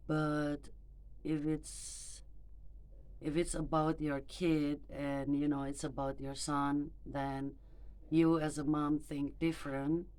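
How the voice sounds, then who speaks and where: Talking into her phone camera for a personal vlog, a mother in her forties speaks hesitantly and fills her speech with fillers, since English isn't her first language; German isn't either. Her voice is low-pitched, slow and a little mellow, with little pitch movement.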